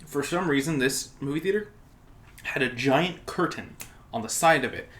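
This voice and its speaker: A man's voice: a little high, lively intonation, normal speed, a bit bright. A young man hosting a casual podcast, rambling through a story with many laughs. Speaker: podcast host.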